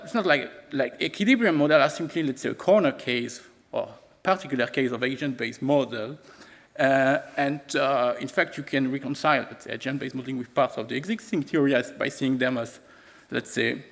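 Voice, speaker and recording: A man giving an academic conference talk, hesitant and halting, often repeating words. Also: medium pitch, vocal fry, fairly bright tone. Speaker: conference speaker. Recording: long reverb in a lecture hall.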